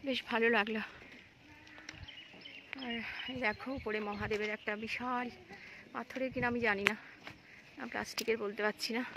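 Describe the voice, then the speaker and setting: A woman's voice: on the high side, steady tone, normal speed, pauses often. Chatty Bengali woman vlogger, noisy phone audio. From India. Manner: chatty, addresses viewers as friends; speaks softly inside the temple. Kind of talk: casual vlog narration. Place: temple and home, partly outdoors.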